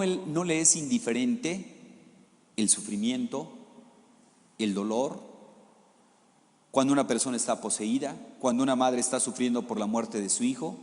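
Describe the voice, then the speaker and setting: A man's voice: mid-range voice, darkish tone. A man gives a homily in a mid-range voice. He speaks conversationally, asks rhetorical questions and acts out the quoted lines. A long church reverb trails his words. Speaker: priest.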